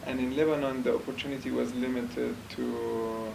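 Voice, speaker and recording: Man speaking from a distance, flat tone. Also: medium pitch. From Iraq. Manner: measured, thoughtful, many pauses and fillers. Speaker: dancer, choreographer. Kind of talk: interview answers. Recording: distant mic with clear background noise.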